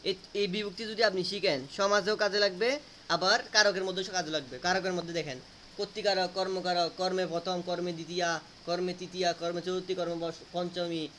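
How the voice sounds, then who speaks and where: A man's voice: high voice, little pitch movement, fairly quick, a bit bright, slight background noise. A man teaching a grammar lesson, asking students questions and repeating answers to drill them.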